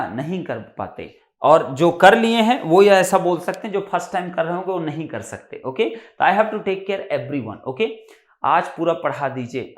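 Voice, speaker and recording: A man's voice: fairly high pitch, roomy sound. A man with an Indian accent teaching a live online exam-prep class, often repeating points and checking that students have understood.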